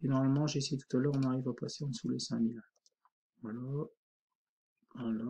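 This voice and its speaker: A man teaching a screen-recorded software tutorial, informal and thinking aloud, full of fillers. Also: medium pitch, fairly even intonation, fast, husky.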